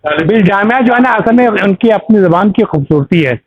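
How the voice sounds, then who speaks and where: A man with a fairly high voice teaches a language class, walking through grammar step by step and checking in with his students. The sound is thin and tinny, like a phone line. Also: lively intonation, moderate pace. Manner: patient, explains step by step with examples and checks. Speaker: Arabic teacher. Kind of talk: classroom explanation.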